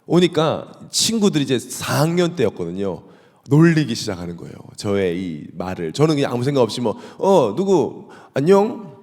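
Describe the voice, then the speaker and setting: A male pastor with a Gyeongsang accent, giving a lively, humorous sermon and asking the congregation questions. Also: mid-range voice, fairly quick. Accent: Gyeongsang Korean. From South Korea. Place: church sanctuary. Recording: echoey church hall.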